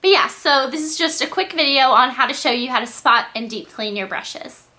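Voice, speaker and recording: Congested young woman with a bright voice. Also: high-pitched, animated, moderate pace. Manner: chatty, apologetic, frequent ums. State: congested, stuffy nose. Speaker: beauty vlogger. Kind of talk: casual tutorial chat.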